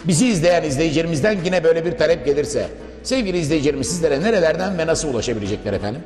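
In a formal TV interview, a male host speaks briskly in a slightly high, somewhat mellow voice with lively intonation. His manner is wordy and formal, politely addressing the audience and his guest. Music plays behind him in an echoey, reverberant room.

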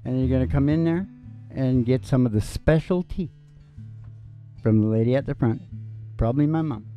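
Speaking at a normal speed in a mid-range voice, this sixty-something musician hosts a show from a small indoor stage framed by a curtain. His talk is relaxed, folksy and rambling, full of asides that trail away. A close stand mic catches him over live acoustic guitar picking, and the sound is lo-fi.

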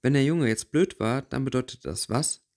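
A man narrating a fantasy fanfiction audiobook in an even, measured storytelling manner. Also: medium pitch. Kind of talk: reading a fanfiction novel aloud.

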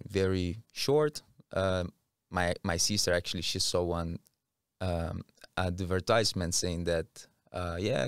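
In a small curtained podcast studio, a Brazilian-accented man in his thirties from Rio chats casually as a guest. Close on a boom-arm studio mic, his deep voice comes through clean, with no echo.

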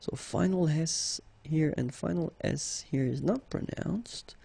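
A man's voice: a little high, slow, vocal fry, dark tone, slightly rough, dry recording. A man with a French accent teaching a language lesson, patiently drilling each verb form aloud. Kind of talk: slow, repetitive language lesson.

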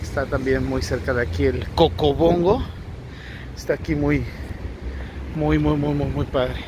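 A man's voice: on the high side, steady tone, unhurried, background noise. A man with a Mexican accent casually reviewing a restaurant for his travel vlog, talking hesitantly with lots of fillers and repeats, recorded outdoors by a street. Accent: Mexican Spanish. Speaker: travel vlogger.

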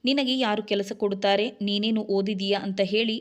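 A woman's voice: medium pitch, steady tone, brisk, lightly acted. Woman reading as a scornful angry husband. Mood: angry scolding. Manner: harsh, scolding.

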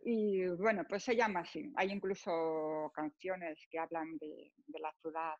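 A woman's voice: low-pitched, unhurried, no echo, muffled recording. A woman from Spain with a Spanish accent, a radio presenter and Spanish teacher, chatting as an interview guest and acting out the people in her stories. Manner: animated storyteller, acts out dialogue, laughs often. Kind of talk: casual interview chat.

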